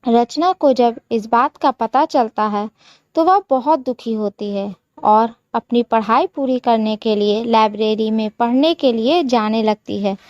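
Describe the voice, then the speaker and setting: A woman storyteller reading a scripted moral story at an even pace. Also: fairly high pitch, measured pace, no echo, lo-fi sound.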